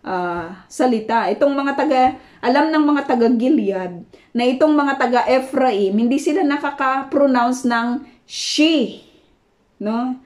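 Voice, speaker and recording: A woman's voice: sits high, a little slow. A woman from the Philippines giving a conversational Bible study talk, full of fillers and tag questions and mixing in English words. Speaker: Bible teacher.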